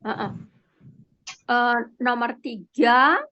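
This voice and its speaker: A woman leading an online prayer meeting on a video call, calling on each person gently by name. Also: a little high, very slow, lo-fi sound.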